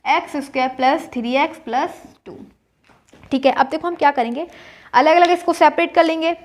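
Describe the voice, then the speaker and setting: A woman teaching a maths lesson step by step, asking and then answering her own questions as she works. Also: high-pitched. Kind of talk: board-work maths lesson.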